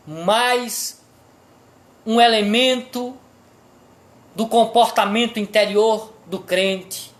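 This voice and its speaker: In a mid-range voice, a pastor with a Brazilian accent delivers a sermon, hitting every point with emphasis and putting rhetorical questions to the congregation.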